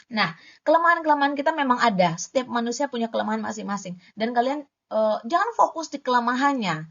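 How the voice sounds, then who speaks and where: Young woman, casual poetry-reading tutor, slightly high voice, trips on the S-R sound, dull home recording. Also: expressive, fast, a bit bright. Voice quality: struggles with the S-R cluster. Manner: chatty, self-correcting, demonstrates sounds aloud. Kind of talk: casual spoken lesson.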